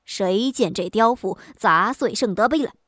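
A woman voicing a pompous, corrupt male county magistrate who shouts his orders in a storytelling recording. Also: medium pitch, a little slow, no room sound, studio quality. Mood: angry bellowing. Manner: loud bellowing shouts.

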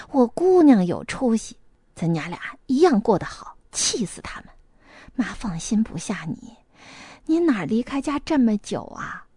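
Woman putting on a hushed, nagging country mother in her fifties. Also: a little high, gravelly, husky, no room sound, studio quality, heavily acted. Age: 50s. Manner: hushed, half-whispered nagging. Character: fretful 50-year-old country mother.

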